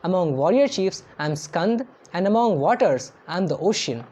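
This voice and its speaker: एक महिला जो धार्मिक श्लोकों को गाकर पढ़ती है और फिर उनका अर्थ शांत, नपे-तुले ढंग से पढ़कर सुनाती है।. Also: female voice, on the low side, expressive, extremely slow, noisy background. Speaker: scripture reciter and translator. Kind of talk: chanted verse recitation with read translation. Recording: dull lo-fi recording over faint instrumental music.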